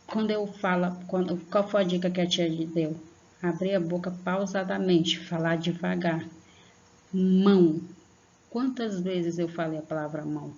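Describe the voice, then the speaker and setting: A woman teaching young children in an online lesson, patient and slow, stretching out example words and checking in often. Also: on the low side, fairly even intonation, darkish tone, lo-fi sound. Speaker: primary school teacher.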